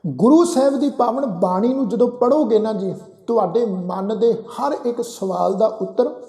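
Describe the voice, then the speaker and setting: High gravelly man teaching scripture recitation. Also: mellow. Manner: slow chanted recitation between spoken explanations. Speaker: Gurbani teacher. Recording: echoey room with long reverb.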